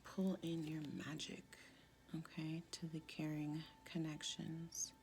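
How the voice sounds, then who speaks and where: Deep, sultry, gravelly woman's voice. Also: level tone, a little mellow, a little hiss or hum. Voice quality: deep, sultry, husky smoker's voice. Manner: halting, informal, with pauses and frequent "like". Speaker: tarot card reader. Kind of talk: casual spiritual tarot reading, soft-spoken.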